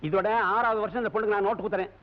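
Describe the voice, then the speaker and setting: A man's voice: high voice, steady tone, very fast, close to an everyday voice. A man playing a boastful, quarrelsome village man. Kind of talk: Tamil film drama dialogue. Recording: dull lo-fi film soundtrack.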